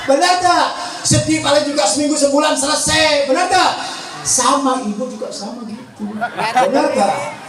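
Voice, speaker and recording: Preacher guy, high voice, yells and jokes with the crowd, very echoey hall, mic far off. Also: normal speed. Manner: shouts and asks the audience to answer back; teasing, joking with the audience. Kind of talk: sermon.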